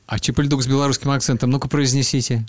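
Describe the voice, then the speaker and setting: A man's voice: medium pitch, flat delivery, racing. A man hosting a radio show, bantering casually in a jokey, teasing way. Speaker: radio host and DJ. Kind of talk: casual prank-call banter. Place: radio show phone call. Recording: clear background noise.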